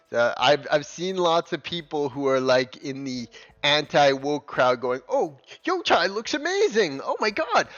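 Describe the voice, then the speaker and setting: A man's voice: medium pitch, a bit bright. A man hosting opinionated gaming commentary, swearing often and rambling in stop-start phrases with many restarts. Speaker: channel host. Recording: dull lo-fi with faint music.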